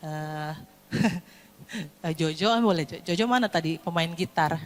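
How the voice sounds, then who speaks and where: A woman preaching a lively sermon to a congregation, acting out scolding and comforting parents. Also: low-pitched, measured pace. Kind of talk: sermon with acted parent role-play. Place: church hall. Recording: long hall reverb.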